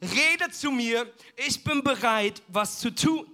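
A man voicing an old male high priest who gives a boy earnest, instructive advice. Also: expressive, takes it slowly, sharp tone, heavily acted.

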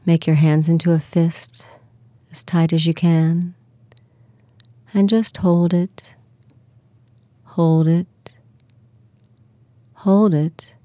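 In a calm, unhurried manner, a woman with a low, mellow voice softly instructs listeners through a guided relaxation. It's recorded close and dry, with no echo and no room sound.

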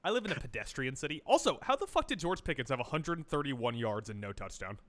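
A man co-hosting a sports podcast in casual chat, with wry asides and a quick rundown of the games. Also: mid-range voice, very animated. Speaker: podcast co-host.

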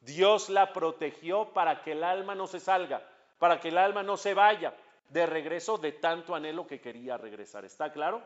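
A man's voice: fairly high pitch, normal speed. A man teaching a religious class as a rabbi, acting out dialogue and asking his listeners questions. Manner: animated storyteller acting out dialogue, asks the audience questions. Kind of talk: religious lesson. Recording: dull lo-fi recording.

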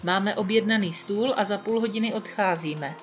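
A woman's voice: medium pitch, soft background music, natural voice. A woman reading the part of a middle-aged husband who teases in a dry, self-satisfied way. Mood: smug.

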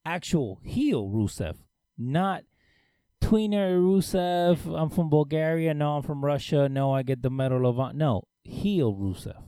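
A man co-hosts a casual podcast, his voice mellow and on the dark side. He jokes and cuts in animatedly on his partner. The sound is dry, with no room echo. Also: fairly high pitch, unhurried, smooth. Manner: animated, joking, talks over his partner. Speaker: podcast co-host. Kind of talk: casual wrestling chat.

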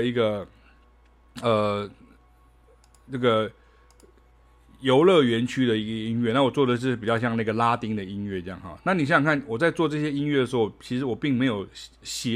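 Chatty man teaching jazz rhythm. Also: mid-range voice. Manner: chatty, ends phrases with a soft "ha", scats rhythms aloud. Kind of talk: casual spoken music lesson.

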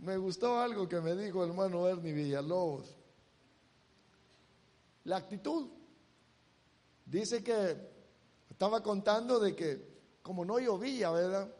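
A man's voice: sits high, measured pace, pauses often, a little mellow, big-room sound. A male preacher delivering a sermon, emphatic and repetitive, urging his listeners again and again to look. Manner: emphatic, repeats "look, look" to the congregation.

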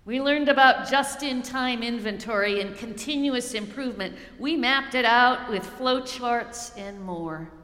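A middle-aged woman pastor preaching a sermon, measured and slowing down to stress key phrases. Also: fairly high pitch, fairly bright tone. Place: church sanctuary. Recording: echoey church hall.

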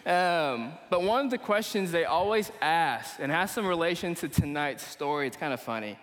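A young Malaysian man from Kuala Lumpur speaks expressively at a moderate pace, his voice a little high and a bit bright. He is preaching informally, with plenty of slang, to a live group of young adults. The church meeting hall gives the sound a long, reverberant echo.

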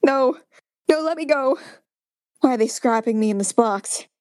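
An actor playing a bumbling, pompous hero in a 1950s radio comedy, protesting melodramatically. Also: male voice, very high voice, normal speed, darkish tone, no room sound, studio quality. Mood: indignant.

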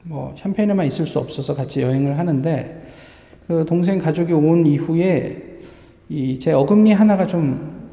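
A man's voice: a little high, moderate pace, vocal fry, warm tone. A male pastor preaching a Sunday sermon, often putting questions to the congregation. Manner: asks the congregation rhetorical questions. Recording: echoey hall with long reverb.

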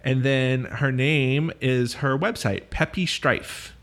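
Man host, easygoing and jokey, middle-pitched voice, casual podcast banter. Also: slow pace, a bit bright. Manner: playful, joking, reads listener mail aloud.

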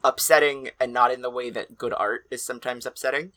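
A man's voice: medium pitch, steady tone, a little fast, sharp tone. A man talking casually as co-host of a film discussion podcast.

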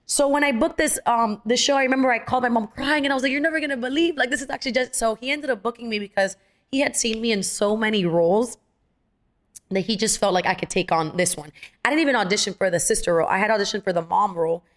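This young adult woman is an actress guest telling stories in a casual interview; she talks fast in a voice on the high side. With lots of fillers and an animated manner, she acts out the dialogue of those she quotes.

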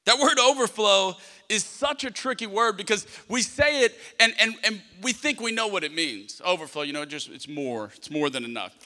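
A man's voice: high-pitched, sharp tone. A man preaching a sermon in an emphatic yet conversational way, with humorous personal stories. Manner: emphatic, with repeated phrases for the congregation to echo; conversational, acting out small dialogues. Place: large hall, preaching to a congregation. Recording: long hall reverb.

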